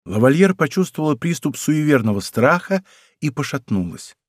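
A man's voice: on the high side, very animated, moderate pace, slightly rough, dry recording, studio quality. A man narrating a historical novel as an audiobook, reading expressively. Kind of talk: scripted literary narration.

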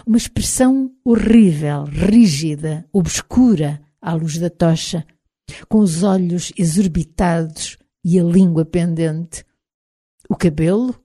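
Female audiobook narrator, European Portuguese accent, low-set warm voice, expressive first-person reading. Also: breathy edge.

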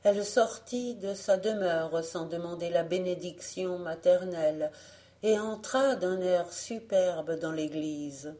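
Slow, mellow woman reading a fairy tale. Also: on the low side. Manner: slow, measured storytelling. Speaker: audiobook reader. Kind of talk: scripted fairy-tale narration.

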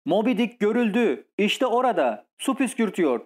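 Guy doing an excited sailor lookout yelling from the mast, pitched way up. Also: brisk. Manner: shouting excitedly. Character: eager shouting ship lookout, male sailor. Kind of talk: audiobook character reading.

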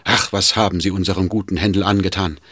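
A man's voice: medium pitch, big pitch swings, brisk, slightly rough, no echo, clean studio sound, voice pushed up. A man voicing a distraught, devoted assistant in agitated, lamenting outbursts. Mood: despairing rage.

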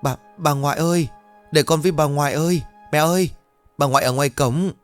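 A frightened little boy whimpers and points, calling for his grandmother in a high, tearful voice, as a male storyteller puts him on. Faint music plays underneath. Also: fairly quick, lightly acted.

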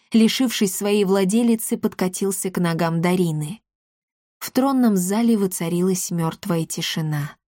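A woman narrating a fantasy story as an audiobook reader, reading expressively and shifting her voice for the characters' shouts. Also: on the low side, dry recording, clean studio sound.

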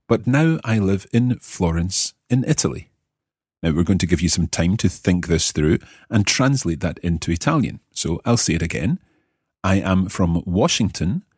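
A low-pitched man teaching a podcast language lesson, his voice lively and full of rises and falls. He has a slightly husky tone, recorded close and dry with no room sound. He talks in a clear, deliberate way and slows right down for example phrases. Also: no room sound.

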